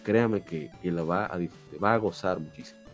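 A man's voice: sits low, a little fast, soft background music. Enthusiastic Dominican man in casual chat. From Dominican Republic. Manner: enthusiastic, acts out quoted voices. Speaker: guest.

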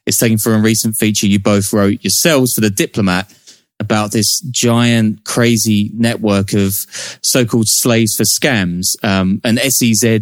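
A man's voice: lowish voice, no echo, studio quality. A man hosting a podcast, moving between scripted narration and introductions. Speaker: podcast host, journalist.

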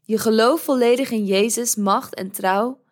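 A woman hosting a podcast, reading a devotional in a gentle, measured way. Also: fairly high pitch. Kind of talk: calm scripted devotional reading.

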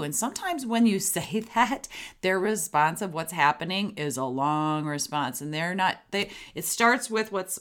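A middle-aged woman hosting a solo parenting podcast, talking in a chatty, lively way and acting out sample lines to say to kids. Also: deep voice, smooth. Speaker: podcast host and parenting coach. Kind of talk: solo podcast advice talk.

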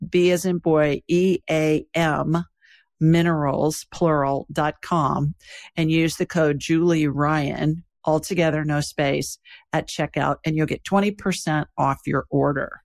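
A woman's voice: sits low, fairly even intonation, slow pace, darkish tone. A woman podcast host delivering a host-read ad in a plain, instructive way. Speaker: podcast host reading sponsor spot.

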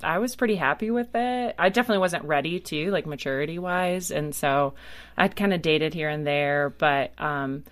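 Thirties woman guest, low voice, candid, dry sound. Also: moderate pace, no room sound. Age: 30s. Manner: candid, laughs easily. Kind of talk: casual interview chat.

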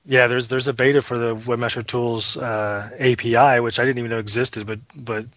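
A man's voice: medium pitch, little pitch movement, brisk, a bit bright, dry recording, lo-fi sound. Eager male talk show co-host. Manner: eager, upbeat, stumbling restarts. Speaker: podcast co-host. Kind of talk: casual radio chat.

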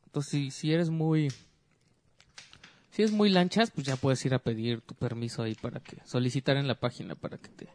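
A man's voice: mid-range voice, moderate pace, slight background noise. A man with a Mexican accent co-hosting a podcast, reading gaming news in a rambling, casual way. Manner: rambling, restarts explanations. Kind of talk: casual chat.

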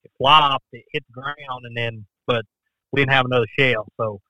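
A man's voice: medium pitch, fairly even intonation, normal speed, sharp tone, dry recording, rough recording. A middle-aged man chatting casually as a podcast guest, with folksy phrasing. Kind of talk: casual chat.

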